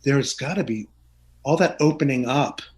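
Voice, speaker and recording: A middle-aged man, a guest in a reflective conversational interview, talks openly and earnestly, often laughing and restarting his words. His voice is medium-pitched and a little mellow at normal speed, on a rough recording.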